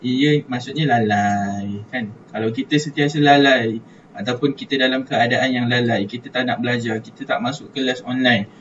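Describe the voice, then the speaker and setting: A man's voice: mid-range voice, fairly even intonation, moderate pace, a bit bright. A man with a Malaysian Malay accent, a religious studies teacher giving an online class, chatty and repeating words as he thinks aloud. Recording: distant mic, dull lo-fi, faint hiss.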